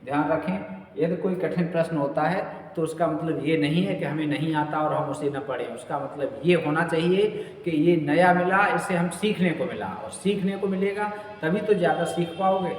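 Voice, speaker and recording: A man's voice: a little high, normal speed, slight background noise. A man teaching Hindi literature for exam prep, asking questions and answering them himself. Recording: echoey room, voice far from the mic.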